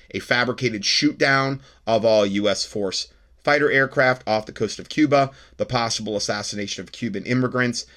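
A man's voice: fairly low pitch, fairly bright tone. An American man hosting an alert talk show, reading news reports and breaking into paranoid, conspiratorial rants. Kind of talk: reading news reports with off-the-cuff ranting commentary.

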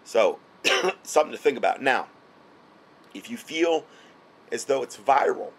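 Late at night, a health product seller with a fading voice gives casual, repetitive advice, his mid-range tone lively and a little breathy at a measured pace. He repeats words as he goes and keeps asking "okay?" to check the listener is with him.

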